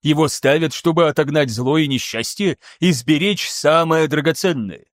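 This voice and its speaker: A man reading an excitable showy scholar. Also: on the high side, moderate pace, no echo, clean studio sound, lightly acted. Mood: lecturing excitedly. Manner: animated, insistent, showy. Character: excitable theatrical male scholar, lecturing.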